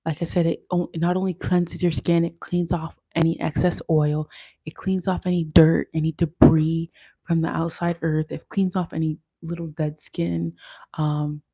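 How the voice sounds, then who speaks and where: A woman's voice: deep voice, little pitch movement, moderate pace, mellow, slightly rough, no echo. A young woman teaching makeup on a casual livestream, chatty and often checking in with "okay?".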